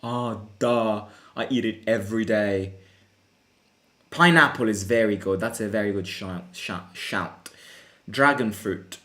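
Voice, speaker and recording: A young Italian man hosts a live football watchalong for his fan channel, talking in a lowish, slightly slow voice. He chats casually, answers viewers' questions, and bursts into excited reactions to the play.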